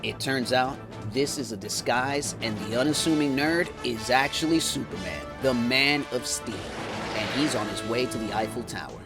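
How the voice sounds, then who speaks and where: A man's voice: medium pitch, normal speed. A man narrating a comedic movie recap, full of sarcastic, jokey asides, over background music. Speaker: movie reviewer.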